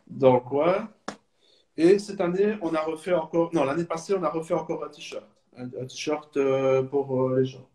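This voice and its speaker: A slightly high, warm-toned male voice comes at a moderate pace from a Belgian in his thirties. He's a supporters club guest in an informal video call interview, and he hesitates often, restarting and filling gaps.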